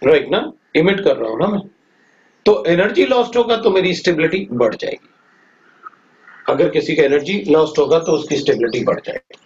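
A man with an Indian accent teaching chemistry. He repeats lines slowly for his students to copy, then explains quickly in mixed Hindi and English. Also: a little high. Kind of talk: classroom lecture. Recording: echoey room, distant dull mic, faint noise.

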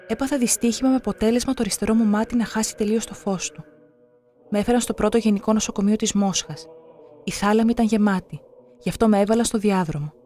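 A narrator reading scripted documentary passages in a measured, solemn way. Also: mid-range voice, a little mellow.

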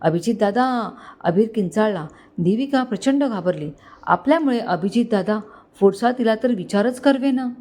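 A woman's voice: a little high, lively intonation, normal speed, dark tone. A woman reading a dramatic story. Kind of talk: scripted storybook narration.

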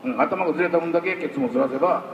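Man, chatty storyteller on stage, slightly high voice, roomy live-venue sound with light hiss. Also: very fast, dull audio. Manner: chatty, storytelling, lively pitch swings. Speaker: voice actor guest at a talk show. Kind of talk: casual stage talk. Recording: echoey hall, far from the mic, faint hiss.

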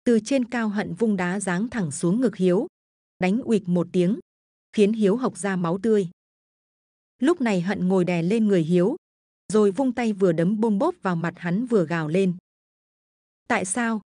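A woman's voice: medium pitch, moderate pace, warm tone, no room sound, studio quality. Dramatic woman horror storyteller. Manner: dramatic, vivid narration.

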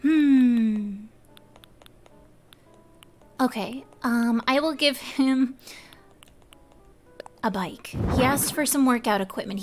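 Giggly high-voiced woman streamer. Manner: giggly, chatty, talks to chat. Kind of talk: casual live game commentary.

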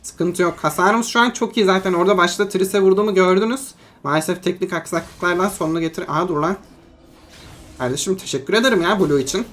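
A young adult content creator giving chatty play-by-play commentary on a mobile game, talking to viewers as friends and bursting into yelps and shouts when a fight gets tense. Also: mid-range voice, quick pace. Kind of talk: live gameplay commentary.

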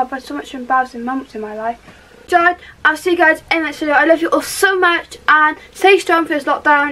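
Welsh teen girl vlogger, high bright voice, loose upbeat bedroom chatter. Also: slight background noise, poor audio. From Wales. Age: teens. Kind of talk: casual get-ready-with-me chat. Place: small bedroom indoors.

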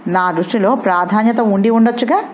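A woman's voice: mid-range voice, brisk, a little mellow, slight background noise, lightly acted. A woman reading the lines of a jealous, wounded husband who asks strained, accusing questions.

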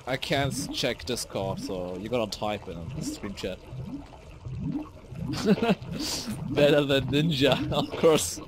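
A young man streaming a game live, rambling casually, easily startled, swearing and shouting at enemies. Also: fairly low pitch. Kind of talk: live gameplay commentary.

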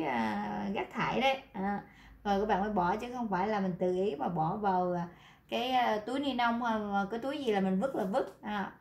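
A woman's voice: medium pitch, gravelly, a little mellow, reverberant. A Vietnamese woman teaching beginner Korean, explaining words to her students with many repetitions and fillers. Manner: repeats words and fills gaps with "à", addresses students directly. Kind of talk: classroom lesson explaining vocabulary.

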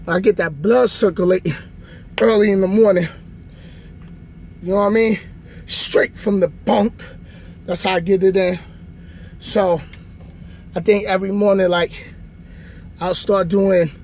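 This casual vlog has a truck driver in his thirties demonstrating a bunk workout from his sleeper cab, chatting to viewers at a slow, relaxed pace. His high-pitched voice comes with a little hiss or hum, captured by a phone camera on a nearby stand.

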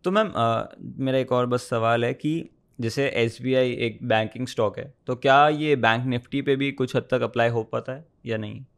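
A man's voice: mid-range voice, moderate pace, creaky, few pauses, clean tone. A man in a student role, politely asking his mentor questions and giving short, deferential replies. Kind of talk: conversational Q&A.

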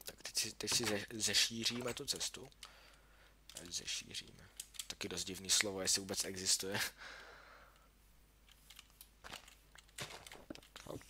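In this casual let's-play, a young gaming YouTuber with a fairly low pitch and steady tone chats to himself, pausing often and yelping in alarm at times. Keyboard and mouse clicks are clearly audible under his voice, along with background noise.

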